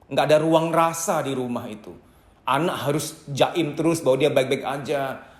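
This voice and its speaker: A man's voice: mid-range voice, moderate pace. Emphatic man lecturing in an echoey room. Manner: emphatic, instructive, addresses listeners directly. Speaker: psychology trainer. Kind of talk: lecture to camera.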